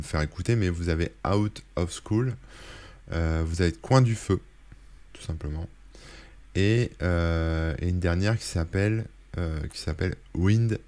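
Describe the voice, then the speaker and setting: Deep-voiced rambling French tech blogger. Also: male voice, moderate pace, darkish tone. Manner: rambling, many fillers and self-corrections. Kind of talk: casual screen-share link roundup.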